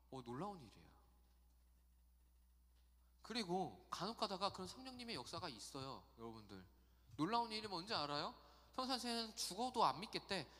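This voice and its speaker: Animated man preaching to youth in echoey hall. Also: high-pitched. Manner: chatty, animated storytelling with acted quotes. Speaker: youth pastor. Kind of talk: youth sermon. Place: church sanctuary.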